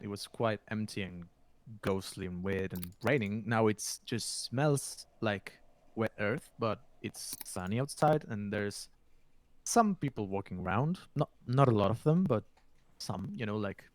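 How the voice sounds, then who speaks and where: A man running a tabletop role-playing game as game master, describing scenes in a halting way with many filler sounds. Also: fairly low pitch.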